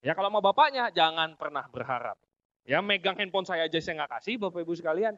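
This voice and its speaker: A man's voice: on the high side, lively intonation, quick pace, a bit bright, no echo. A middle-aged man from Indonesia giving a motivational business talk to an audience, joking and chuckling at his own punchlines. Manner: addresses audience as "Bapak Ibu sekalian". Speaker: business seminar speaker. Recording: dry, dull lo-fi audio.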